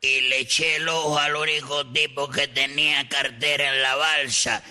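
A man's voice: fairly high pitch, level tone, sharp tone, long reverb tail. A man playing a sly, bumbling rogue who mangles his words in a radio comedy court sketch. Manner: mispronounces words, slow drawling wisecracks. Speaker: defendant in a comic court.

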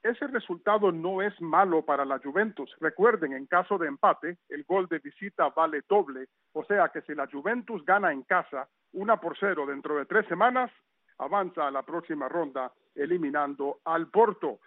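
A man's voice: on the high side, moderate pace, dry recording. A man reading a radio sports news roundup in a conversational way, with chatty asides. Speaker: sports reporter. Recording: tinny phone-line sound.

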